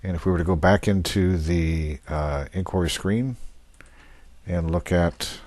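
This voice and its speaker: Unhurried and low-pitched, a man demonstrates software on a screen recording in a matter-of-fact, unscripted walkthrough that proceeds methodically step by step. The audio is dry.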